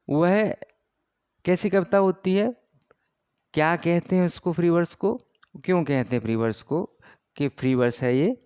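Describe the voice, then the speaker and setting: Slow, deliberate male lecturer. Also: on the high side, a little mellow, smooth, no room sound, clean studio sound. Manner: slow, deliberate explaining with many fillers. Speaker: teacher. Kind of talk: exam-prep lecture on poetry.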